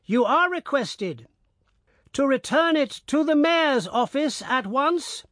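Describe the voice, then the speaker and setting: A man voicing a village town crier who calls out a notice in a jerky voice, pausing in all the wrong places. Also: very high voice, fairly bright tone, no echo, clean studio sound, voice pushed up, heavily acted.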